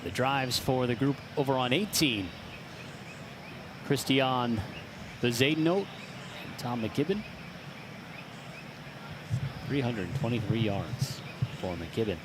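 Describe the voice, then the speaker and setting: A man as lead golf commentator, calling play concisely with measured delivery of facts and yardages. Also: medium pitch, animated, background noise.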